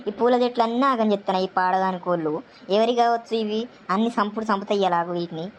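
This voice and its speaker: A woman with a Telangana Telugu accent playing a quarrelsome village woman who curses loudly at stray hens. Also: medium pitch, fast talker, slight background noise, natural voice. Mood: ranting. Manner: loud cursing rant.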